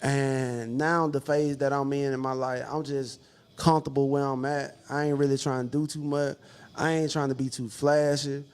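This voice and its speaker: A man's voice: mid-range voice, flat delivery, moderate pace, darkish tone, clean tone. A man, chatting casually and laid-back with plenty of slang and swearing. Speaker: podcast panelist. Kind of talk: casual chat.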